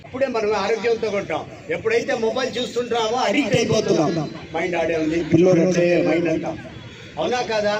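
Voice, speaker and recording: A man leading a public yoga session, coaxing the group with cheerful calls to clap, shout and laugh. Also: high-pitched, fast talker, over a noisy crowd. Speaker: yoga instructor. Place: outdoor public yoga event. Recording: roomy echo from far off, noisy.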